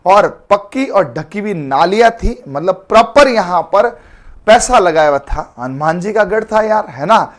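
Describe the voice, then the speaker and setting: High-voiced chatty male teacher. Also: animated, a little slow. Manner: chatty, calls students beta, jokey memory tricks. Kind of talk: live online exam-prep class.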